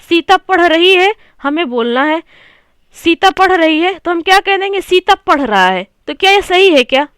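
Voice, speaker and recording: A woman's voice: extremely high pitch, fairly bright tone, no echo, studio quality. A woman teaching an exam-prep grammar lesson, often repeating phrases, asking rhetorical questions and calling her viewers friends.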